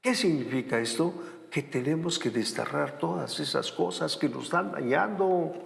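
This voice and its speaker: A man preaching a sermon, animated and given to sarcastic asides. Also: fairly high pitch, normal speed, creaky, big-room sound.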